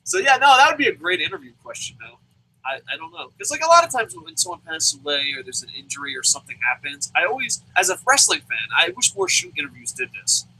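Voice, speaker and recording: Talking fast in a high, sharp voice with a breathy edge and huge pitch swings, a man hosts a casual wrestling review podcast from Japan. He rambles, curses freely and stammers through restarts. The audio is poor.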